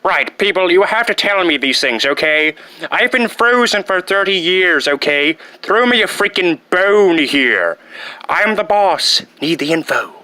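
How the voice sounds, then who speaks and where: A comic movie supervillain, pompous and petty, with a bright, forceful voice set fairly high. He over-enunciates and savors dramatic pauses, and the recording is close and dry. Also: sing-song, no echo, heavily acted, low-quality recording. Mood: petulant. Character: pompous, petty, self-pitying male evil mastermind. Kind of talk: comic film villain impression.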